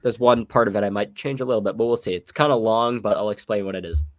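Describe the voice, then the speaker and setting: His pitch sits fairly low and he talks fast, a young adult running a casual podcast chat. He sounds worn down by illness, yet he directs the talk in a relaxed, easygoing way.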